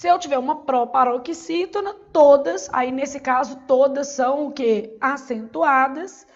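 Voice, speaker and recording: Heard on lo-fi audio, a Brazilian teacher runs a Portuguese exam-prep lesson at a measured pace in a high-pitched voice. She works didactically, asking questions and then answering them herself.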